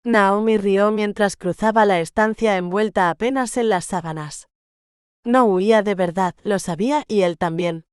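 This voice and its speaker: A woman narrating a romance novel audiobook in a measured, gentle storytelling manner. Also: medium pitch, clean tone, no echo, studio quality.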